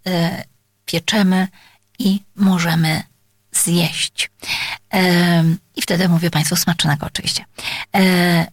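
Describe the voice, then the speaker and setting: A woman's voice: on the low side, gravelly, no room sound, clean studio sound. A woman speech therapist explaining exercises to parents, talking with many hesitations and filler sounds and addressing her listeners politely.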